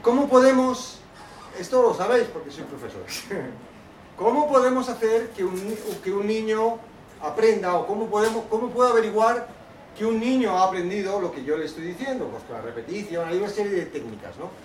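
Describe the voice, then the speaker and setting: A man giving a lively workshop talk to an audience, acting out children's voices as he tells stories. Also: high voice, a little fast, a little hiss or hum. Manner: animated, acts out children's voices. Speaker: children's ministry teacher. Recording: echoey hall, from a distance.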